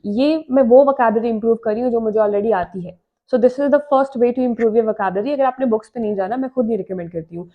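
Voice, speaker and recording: A woman's voice: on the high side, narrow, tinny audio. A woman English teacher answering viewer questions in a casual vlog lesson, explaining step by step with simple examples.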